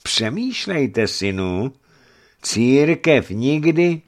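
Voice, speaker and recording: A man reading an audiobook, voicing a scheming church envoy who speaks slowly, smoothly and with a hidden threat. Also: lowish voice, sing-song, fairly bright tone, pitched above the performer's own voice. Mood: oily, threatening. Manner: oily, slow and threatening, then stammering in fear. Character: scheming sly male church envoy, middle-aged. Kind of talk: audiobook character voice.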